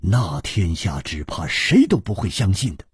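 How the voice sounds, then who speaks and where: A man narrating a story for radio in a slow, expressive storytelling cadence. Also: low voice, husky, dry recording, studio quality. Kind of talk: Chinese storytelling radio reading.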